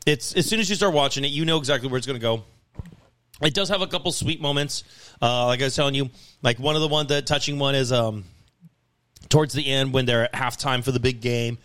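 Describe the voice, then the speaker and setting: A man's voice: medium pitch, fairly even intonation, a little fast, fairly bright tone, no room sound. A man co-hosting a casual movie review podcast, swearing freely and acting out scenes from the film. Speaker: podcast co-host.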